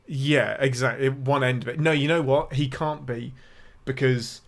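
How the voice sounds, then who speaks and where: A man's voice: medium pitch, steady tone, moderate pace. An English man co-hosting a film podcast in casual chat, thinking aloud, hedging with "I think" and correcting himself as he goes. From England. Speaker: podcast co-host.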